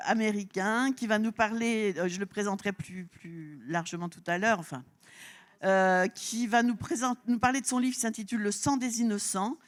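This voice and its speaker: Woman, panel moderator, hesitant, many fillers, restarts, mid pitch. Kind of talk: live festival panel introduction.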